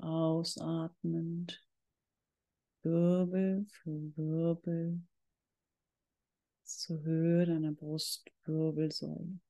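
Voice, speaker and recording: A yoga instructor guiding a meditation in calm, measured, drawn-out phrases. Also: medium pitch, gravelly, low-quality recording. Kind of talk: slow guided yoga meditation.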